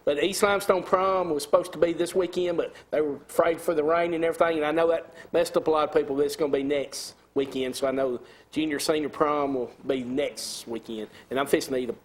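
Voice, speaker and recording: A man with a Southern American accent, a radio host chatting in a quick, easygoing way. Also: on the high side, fairly even intonation. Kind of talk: casual chat.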